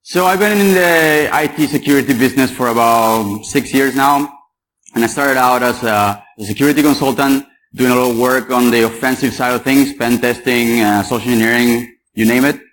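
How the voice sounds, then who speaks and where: A man's voice: mid-range voice, moderate pace, a bit bright, rough recording. Young man from Paraguay, conference speaker, playful and chatty, faint room noise. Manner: joking, chatty, quizzes the audience. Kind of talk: security conference talk. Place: conference hall.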